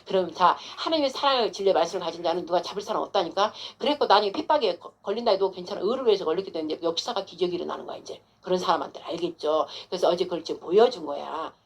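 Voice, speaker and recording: A woman's voice: on the low side, racing, hardly any pauses, husky. A woman pastor giving an informal, emphatic sermon to a congregant, coaxing with frequent rhetorical questions.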